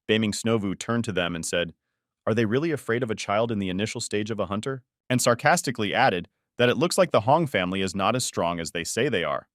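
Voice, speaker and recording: Male narrator for story recaps; low-ish, dry, even delivery. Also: dry recording.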